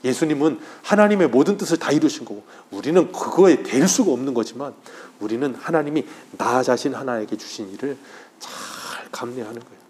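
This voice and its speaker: A male pastor giving a Sunday morning sermon in church, telling a story with feeling and swinging between loud passages and hushed ones. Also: medium pitch, lively intonation, brisk, hardly any pauses. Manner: acts out quoted voices softly. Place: church sanctuary during worship.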